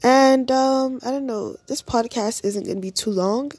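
Her voice sits on the high side with a darkish tone and a measured pace, captured in a dry recording. She's a young Nigerian podcast host running a casual faith-based show, talking directly to listeners in a chatty, upbeat way despite sounding like she just woke up.

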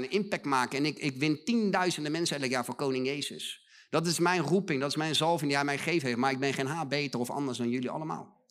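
A middle-aged man preaching a sermon in a church hall, his voice sitting notably high for a man. He speaks with emphasis, repeats phrases for force and slips into the voices of the people he quotes. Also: fairly bright tone.

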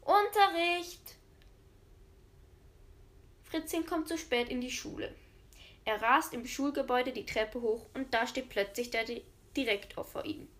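A woman reading out a string of schoolboy jokes in a deliberate storytelling manner. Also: a little high, a bit bright. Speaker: joke reader.

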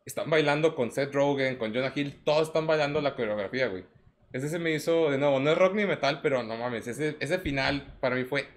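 Mexican man telling animated pop-culture stories. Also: a little fast. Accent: Mexican Spanish. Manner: animated storyteller, acts out quotes in a higher voice. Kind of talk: casual chat about music cameos.

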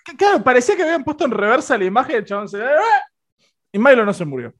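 A young man with a Rioplatense accent, co-hosting a casual film review podcast in an animated, joking way. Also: quick pace. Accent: Rioplatense Spanish. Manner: animated, joking, voice swings high and low. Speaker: podcast co-host.

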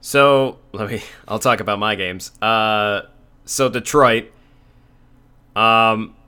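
A man co-hosting a casual video game podcast. He chimes in with short, relaxed remarks and agreement. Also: fairly low pitch, takes it slowly, clear, resonant tone. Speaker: podcast co-host. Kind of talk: casual game-awards discussion.

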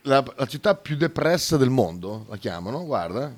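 A male radio host chats casually between clips, his delivery relaxed. His pitch is middling but moves a lot. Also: moderate pace. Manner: relaxed, playing clips and commenting.

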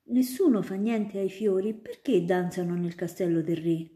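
A woman's voice: on the low side, normal speed, warm tone, natural voice. A woman voicing a curious, eager little girl who keeps asking questions in a storybook reading. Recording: roomy echo.

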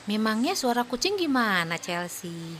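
A woman's voice: fairly high pitch, very animated, fairly bright tone, slight background noise. A woman playing a cheerful young mother in a scripted children's audio play, patiently praising and encouraging her two little daughters. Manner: patient, praising, speaks slowly for small children.

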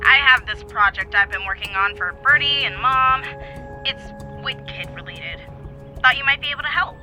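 A woman's voice: fairly high pitch, animated, moderate pace, sharp tone, faint music behind, poor audio. A woman playing an artificial being that imitates a teenage girl in an audio drama, cheery on top and scheming underneath. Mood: feigned friendliness. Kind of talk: scripted audio drama acting.

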